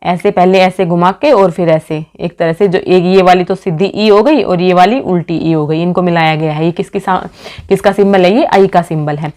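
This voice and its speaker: A woman's voice: on the low side, steady tone, moderate pace, darkish tone. Woman teaching a class, asks and answers herself. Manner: calls the class "friends", asks questions and answers them herself. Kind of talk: exam-prep phonetics lesson.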